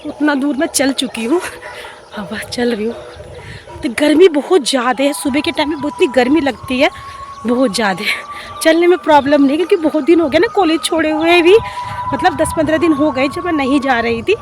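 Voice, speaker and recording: A woman's voice: high-pitched, brisk, slight background noise. A young woman from Bihar, vlogging in a chatty way and often repeating words as she thinks. She walks along an outdoor village road and sometimes sounds out of breath. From Bihar, India. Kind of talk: casual vlog chat.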